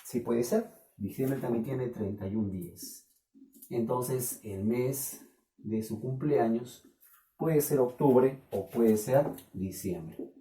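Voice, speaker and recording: A Peruvian man gives a math lesson in a classroom, stopping again and again to ask his students if they follow. His voice is very dark and mellow. It is picked up from some distance in a room with a lot of echo. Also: medium pitch, slow. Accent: Peruvian Spanish. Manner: questioning, keeps checking with students. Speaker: math teacher. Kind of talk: classroom lecture.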